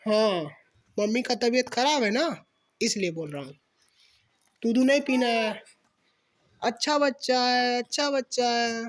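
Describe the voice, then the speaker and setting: A man's voice: extremely high pitch, a little slow, long pauses. A man at home, talking to his small child in coaxing baby talk in a casual home video. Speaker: father talking to his toddler.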